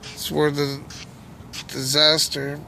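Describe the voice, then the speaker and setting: A vlogger films a night magnet fishing outing on a bridge walkway, narrating and chatting casually on a handheld camera or phone. His voice is on the high side, monotone, slow, and creaky, yet bright and forceful. The outdoor recording is noisy, with an ambient hum.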